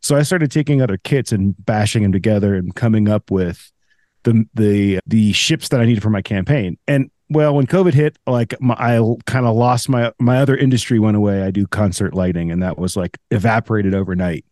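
A man's voice: lowish voice, a little fast, warm tone, no room sound, studio quality. A man talking as a podcast guest, telling a long story in a rambling, casual way full of restarts. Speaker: podcast guest, game designer.

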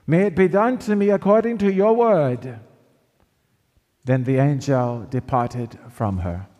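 A man reading scripture as a priest, solemnly and deliberately, in a large church with a long cathedral echo. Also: mid-range voice, mellow. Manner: measured, deliberate proclamation. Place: large reverberant church interior. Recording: echoing church hall, long cathedral-like reverb.

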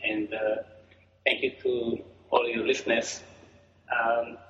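A man's voice: mid-range voice, level tone, slow pace, a bit bright, reverberant, lo-fi sound. A middle-aged man from Croatia, answering interview questions in a hesitant way with many fillers and restarts. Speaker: guest. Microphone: phone or call line.

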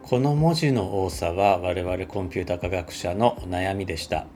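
A man, a computer scientist, giving an explanatory talk at a measured pace with frequent filler words. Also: deep voice, darkish tone, faint music behind.

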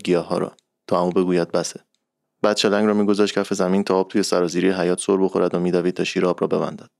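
Deep gravelly guy reading a story, dry close sound, slow and steady. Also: no echo. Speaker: narrator. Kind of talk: reading a literary short story.

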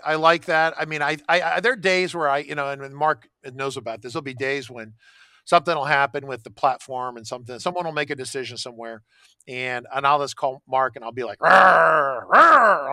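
Man, bright forceful tone, casual conversation, rambling restarts, dry close sound. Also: medium pitch, quick pace, no echo. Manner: rambling, frequent restarts and "right?" tags. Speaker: podcast guest.

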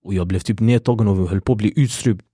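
A young Swedish MMA fighter, appearing as a podcast guest, tells stories in a relaxed interview, acting out the voices of people he quotes and using fillers like "du vet." His voice is low, mellow and husky. The studio recording is close and dry, with no room sound.

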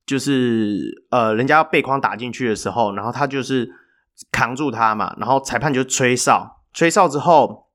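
A man, co-hosting a podcast and telling a story in a chatty, animated way with filler pauses. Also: medium pitch. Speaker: podcast co-host. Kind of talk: casual storytelling chat.

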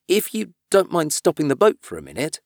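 Eager storybook girl, played by a man: raised pitch, polite, excitable, imploring. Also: a little fast, no room sound, clean studio sound, exaggerated voice. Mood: pleading. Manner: pleading, breathlessly keen.

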